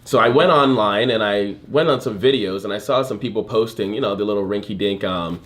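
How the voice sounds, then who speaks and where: A man's voice: on the low side, brisk, background noise. Brash joking podcast host, man. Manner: brash, joking, teasing banter. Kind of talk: casual podcast chat.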